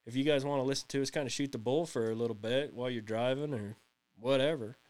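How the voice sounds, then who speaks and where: A man in his late thirties co-hosts a casual podcast, rambling and laughing often as he chats. His mid-range voice is clear and resonant with a darkish tone, and he talks fast.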